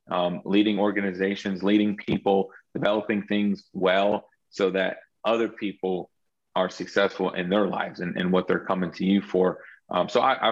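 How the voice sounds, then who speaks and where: This interview guest, an entrepreneur, has a low-sitting voice with the highs cut off. He reflects earnestly on his faith journey, often breaking off to begin his sentences again.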